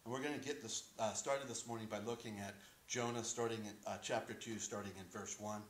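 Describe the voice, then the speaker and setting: A middle-aged man preaching a sermon from a church podium, relaxed and joking, with frequent "uh" fillers. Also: lowish voice, a little fast, slight background noise. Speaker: pastor. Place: small wood-paneled church sanctuary, indoors. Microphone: podium microphone. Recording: roomy church echo.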